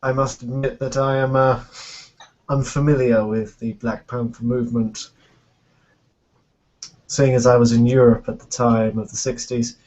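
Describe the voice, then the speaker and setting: Brief: man doing an aloof vampire prince, measured and courtly, mid-pitched, dull lo-fi sound. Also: little pitch movement, darkish tone, close to an everyday voice. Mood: formal. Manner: formal, measured, polite. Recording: muffled lo-fi.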